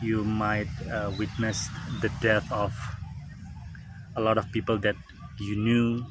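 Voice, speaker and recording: Birds, traffic and general outdoor ambience are clearly heard as a man in his forties, an Indonesian native speaker, reflects to camera beneath a tree. His delivery is slow and low, with little pitch movement and frequent pauses and fillers.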